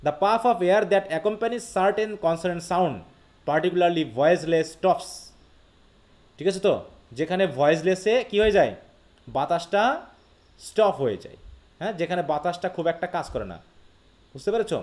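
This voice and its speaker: A high-pitched male teacher with a Bangladeshi accent gives a live lecture. He reads English lines slowly, then explains them patiently, often checking that his students follow. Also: darkish tone.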